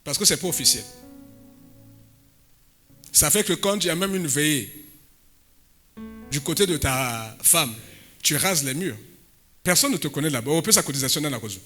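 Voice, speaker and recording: A man preaching a sermon as pastor, breaking into sudden loud emphatic bursts and dropping in Lingala phrases. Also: on the high side, expressive, normal speed, pauses often, soft background music.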